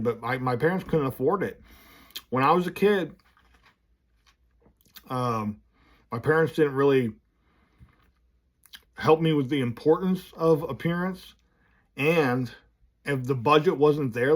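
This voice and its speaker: A man talking casually to camera from his office in a vlog, candid and rambling, his speech slurred by new braces. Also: mid-range voice. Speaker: vlogger running a business.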